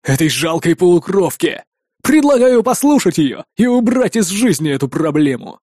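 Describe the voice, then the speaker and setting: A man's voice: high voice, sing-song, moderate pace, a little mellow, no room sound, studio quality. A man voicing a smug young blond actor who gloats and sneers through a melodramatic duel scene in an audiobook. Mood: gloating. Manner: gloating, theatrical.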